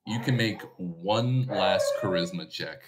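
A man's voice: sits low, slow pace, heavy background noise. A man narrating a tabletop role-playing game as the game master.

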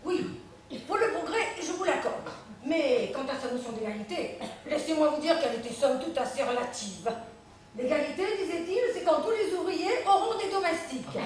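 Tart, bawdy society widow, played by an actress on a live stage; very high voice, echoing hall. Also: female voice, animated, normal speed, slight background noise. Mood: mocking. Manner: theatrical stage delivery, tart and mocking. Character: sardonic wealthy widow, aristocratic, bitter and bawdy. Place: theatre stage. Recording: echoey theatre stage from far off.

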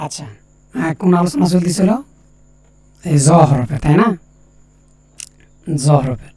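A man teaching Quran letter pronunciation, saying each sound again and again slowly and telling learners to copy him. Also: a little high, dark tone, husky, no echo. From Bangladesh. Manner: repeats each letter sound several times, slow and deliberate; talks directly to learners, plain and encouraging. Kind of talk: recorded lesson on Arabic letter pronunciation.

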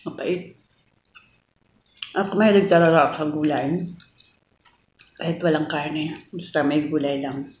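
A woman's voice: deep voice, moderate pace, long pauses. A woman from the Philippines chatting casually in an eating vlog while chewing food. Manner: relaxed, chatty, switching between languages. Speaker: mukbang vlogger. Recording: echoey room, muffled sound, clinking dishes.

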